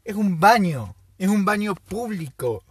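A man who hosts a show and tells a story in a casual, unhurried way, pausing often to think. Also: high voice, sing-song, breathy edge, dry recording. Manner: slow, thoughtful, with pauses and fillers. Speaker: podcast host.

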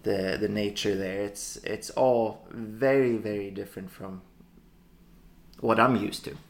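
Low, gravelly Swedish man, hesitant. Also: steady tone, measured pace. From Sweden. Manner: hesitant, many "uh"s, short answers. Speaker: podcast guest. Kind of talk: casual podcast chat.

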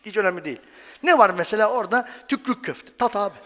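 Male speaker for a stage talk, joking and chatty, fairly high voice that swings widely, long hall reverb. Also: expressive, quick pace, a bit bright, a little hiss or hum. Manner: chatty and joking, asks the audience questions. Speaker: medical professor giving a talk.

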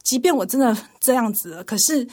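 A woman's voice: on the high side, animated, fairly quick, darkish tone. A woman, a radio interview guest giving an earnest, emotional personal testimony. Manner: earnest, emotional storytelling with frequent laughs. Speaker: interview guest, TV department manager.

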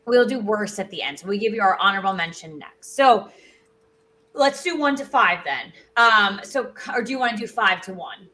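A woman's voice: medium pitch, lively intonation, moderate pace, sharp tone. A woman hosting a sports show, leading a ranked countdown in informal, emphatic conversation. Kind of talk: casual sports countdown chat, leading the rankings.

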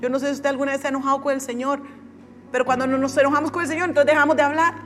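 High-voiced woman preaching in a reverberant hall. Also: rapid-fire, slight background noise. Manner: lively, acts out quoted voices of churchgoers. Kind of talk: sermon. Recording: long hall reverb with faint music.

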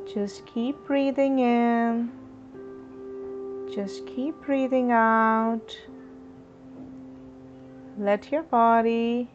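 A woman talks listeners through a chakra meditation, her words unhurried and drawn out. She keeps a calm, instructive tone. The recording sounds slightly muffled, with quiet music beneath her. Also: on the high side. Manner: slow, soothing, instructive. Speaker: meditation guide. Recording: dull lo-fi recording with soft music.

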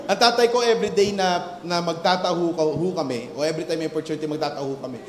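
A man's voice: high-pitched, brisk. A pastor preaching a sermon, telling a story of his childhood and rising into emphatic preaching, mixing English into Tagalog. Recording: echoey hall with faint music.

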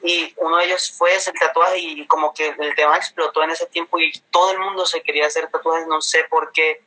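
A man from Colombia's Caribbean coast tells his experiences casually as an interview guest, with a fairly neutral coastal accent touched by inland speech. His voice sits on the high side with little pitch movement, and he speaks briskly in a pushed, bright way. The recording is rough.

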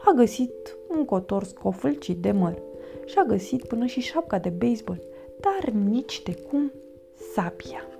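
A woman reading a children's picture book aloud as a storyteller, lively and giving the characters their own voices. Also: gravelly, over music. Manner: lively, voices the characters with raised pitch and volume.

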